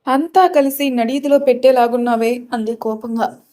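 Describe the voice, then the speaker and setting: A woman's voice: a little high, steady tone, fairly quick, natural voice. A woman voicing an angry, strict middle-aged village mother who scolds her daughter. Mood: scolding. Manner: scolding, shouting.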